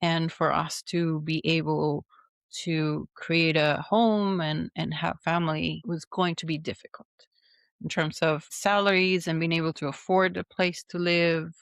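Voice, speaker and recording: A woman in her forties from Venezuela, speaking English, chatting in a lively, expressive way as a podcast guest. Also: low-pitched, gravelly, dry recording, clean studio sound. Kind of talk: storytelling in a podcast interview.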